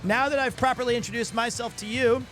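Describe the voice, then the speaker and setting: A very high, steady-toned male voice talks fast over music: a Missourian in his forties chatting loosely on a live stream. Goofy and self-mocking, he jokes at his own expense and often stumbles and restarts.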